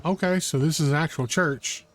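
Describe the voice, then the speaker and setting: A gaming streamer with a fairly high voice gives casual let's-play commentary at a moderate pace, chatting, thinking aloud, and making wry remarks as he explores the game. There's a noisy background.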